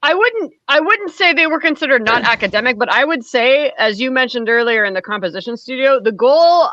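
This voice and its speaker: A woman's voice with a bright, forward edge talks things through thoughtfully, circling back with small hedges. The sound is dry and close, with no room around it. The recording is a little dull and lo-fi. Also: high-pitched, animated, brisk, no room sound. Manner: thoughtful, hedging with fillers. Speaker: percussionist guest. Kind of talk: conversational interview answers.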